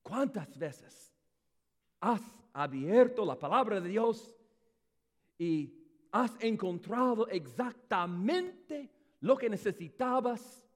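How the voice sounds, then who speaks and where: A man delivers a sermon in a high, lively voice that climbs and falls across each phrase. He speaks slowly and with emphasis, putting rhetorical questions straight to the congregation. His voice rings out with a long reverb, as in a large church hall. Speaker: preacher.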